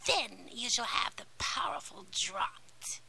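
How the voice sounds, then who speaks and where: A woman voicing a scheming old female sea witch in a whispered role-play fairy tale, shrill and drawn out. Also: big pitch swings, slow, creaky, bright, forceful tone, breathy edge, heavily acted, rough recording. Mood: demanding.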